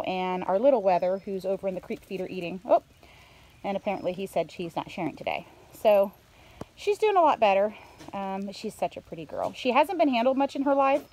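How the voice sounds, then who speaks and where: Her voice is mid-range and darkish as this middle-aged homesteader shows off the farmyard, coops and pens in an unscripted, rambling vlog. She films on a handheld phone from behind the camera. The noisy audio carries farm ambience and animal sounds.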